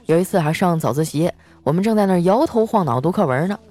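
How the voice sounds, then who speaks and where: Animated young woman telling comic stories. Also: on the low side, fast, faint music behind. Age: young adult. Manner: animated, self-mocking, chatty. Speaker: host. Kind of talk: comic storytelling monologue with ad reads.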